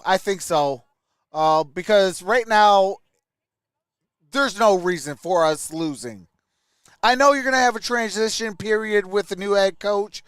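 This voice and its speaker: With a smooth, high-pitched voice, this man runs a sports livestream, greeting viewers by name and answering them while he chats and comments in a casual, conversational way. The sound is clean and studio-like, with a dry recording.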